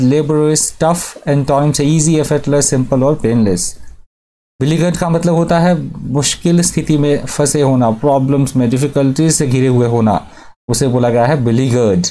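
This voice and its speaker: A man's voice: on the high side, warm tone. A man teaching English vocabulary, listing meanings, synonyms and antonyms methodically. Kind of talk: vocabulary lesson.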